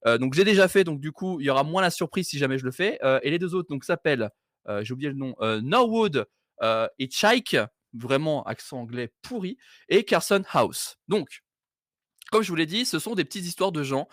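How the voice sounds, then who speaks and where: A man's voice: fairly high pitch, animated, a little fast, dry recording, studio quality. A man hosting a live stream, joking and self-mocking in casual chat.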